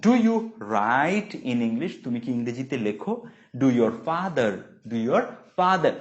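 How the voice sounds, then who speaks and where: Bengali guy teaching english, slow drilled phrases, kinda dull lo-fi sound. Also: mid-range voice, very animated. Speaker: English tutor. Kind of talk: bilingual spoken English lesson.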